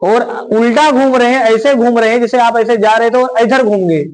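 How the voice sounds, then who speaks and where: A man teaching a classroom of exam students, speaking loudly, repeating himself and checking "right?" after each point. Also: extremely high pitch, fairly even intonation, normal speed, low-quality recording. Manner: loud, repetitive, keeps asking "right?". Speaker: reasoning teacher. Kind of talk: classroom lecture.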